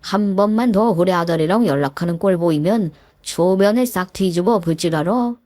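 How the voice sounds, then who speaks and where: A woman's voice: on the low side, moderate pace, dark tone, no echo, lightly acted. A woman voicing a furious older father-in-law who scolds harshly and barks commands in a told story. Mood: furious scolding. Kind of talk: storytelling with voiced characters.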